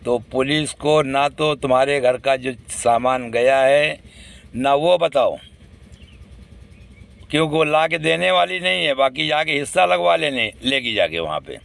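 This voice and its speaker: A man's voice: mid-range voice, a little slow, gravelly, fairly bright tone. A man speaking to the public in a casual monologue, indignant and complaining.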